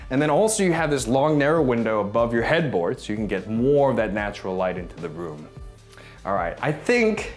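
A man in his thirties giving a casual walk-through home tour as a gushing, admiring real estate agent. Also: medium pitch. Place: inside rooms of a modern house, briefly on its balcony.

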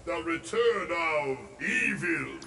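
A man voicing a video game hero who booms out evil catchphrases in a slow, theatrical way. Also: expressive, sharp tone, heavily acted. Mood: menacing. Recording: roomy, distant game audio with crowd noise.

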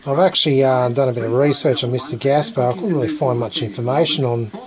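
An Australian man chatting casually and enthusiastically as a vlogger, with a halting delivery. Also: mid-range voice, rough recording. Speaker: YouTube vlogger. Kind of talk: casual chat over footage being filmed. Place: dim cluttered room at home, indoors. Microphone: handheld camera, held by the speaker. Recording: TV chatter behind the voice. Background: television playing old tape.

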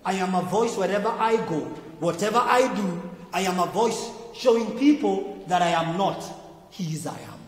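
A man with a Kenyan accent preaching a sermon as pastor, with emphatic repetition that climbs to shouts and falls back low. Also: moderate pace. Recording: echoey hall with faint music.

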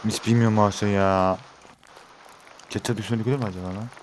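A man's voice: fairly low pitch, fairly even intonation, brisk, slight background noise. Exasperated Turkish man gaming. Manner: exasperated, talks to viewers as he plays. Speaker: gaming YouTuber. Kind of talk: let's-play commentary.

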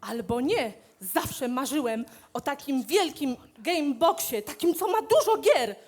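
Woman as whiny little boy, very shrill high pitch, timid, poor and hapless, children's comedy play. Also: expressive, a little slow. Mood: dreamy. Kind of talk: children's comic stage play.

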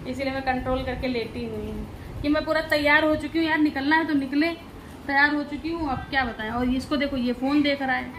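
A woman's voice: high-pitched, noisy background. A woman from Lucknow chatting casually to camera in a family vlog, given to exasperated complaining. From Lucknow, India. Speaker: vlogger.

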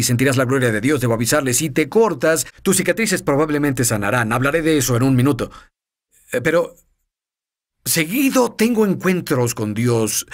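Male minister guest, animated testimony storyteller, soft music bed. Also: medium pitch. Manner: lively storytelling with chuckles and fillers. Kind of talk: personal testimony in a TV interview.

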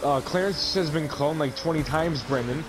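A man's voice: on the high side, normal speed, background noise. A young man in a casual game chat, eager to explain the game to friends. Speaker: gamer in a party chat. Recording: game music under the voice.

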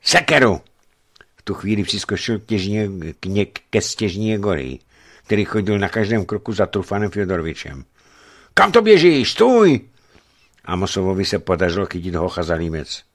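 A man reading a novel aloud for radio with expressive storytelling narration. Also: deep voice. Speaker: reader.

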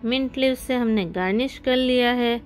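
A woman's voice: fairly high pitch, normal speed. A woman hosting a cooking channel, giving friendly step-by-step recipe instructions in a voice-over. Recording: soft background music.

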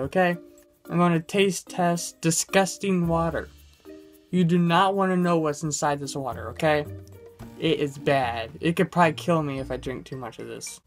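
A young adult man rambling casually in a vlog with a low-energy, goofy manner, recorded indoors close to the camera. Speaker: YouTuber. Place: indoors in a room. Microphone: camera close in front of him.

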